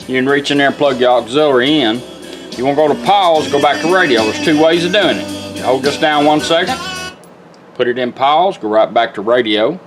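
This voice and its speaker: With music from a radio in the background, a man who restores radios demonstrates a product hands-on. His medium-pitched voice moves at a brisk clip, his instruction is folksy and plain-spoken, and the audio quality is rough.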